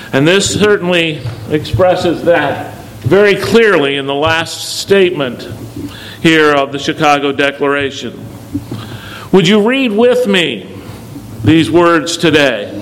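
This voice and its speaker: A man's voice: on the high side, lively intonation, a little slow, a bit bright, a little hiss or hum, rough recording. A man leading a church congregation as pastor, preaching emphatically and repeating key words for stress. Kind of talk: sermon.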